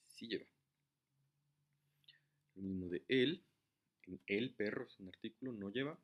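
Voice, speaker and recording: Casual male teacher, mid-pitched voice, explains step by step. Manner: casual, explains step by step, writes while talking.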